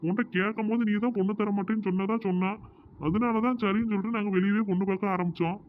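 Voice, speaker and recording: A man voicing a soft-hearted middle-aged village brother in a cartoon, pleading. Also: sits high, fairly even intonation, rapid-fire, lightly acted. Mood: placating. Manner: pleading, placating. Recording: tinny phone-like audio with faint noise.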